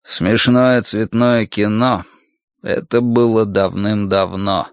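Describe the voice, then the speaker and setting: A man reading an audiobook slowly recites a song's lyrics as a weary, mournful middle-aged folk singer. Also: on the low side, fairly even intonation, clear, resonant tone, no echo, clean studio sound.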